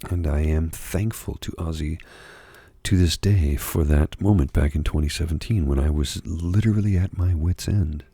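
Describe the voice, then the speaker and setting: In this ASMR clip, the host, a middle-aged or older man, speaks softly in a rumbling, low, husky and gravelly voice. The recording has no room sound, and his confessional monologue comes out halting and reflective.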